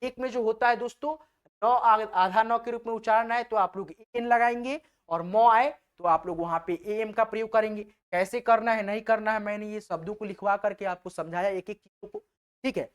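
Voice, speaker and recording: High-voiced man teaching patiently. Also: normal speed, smooth. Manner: patient, repetitive, keeps asking and answering his own questions. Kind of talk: spelling lesson over a board.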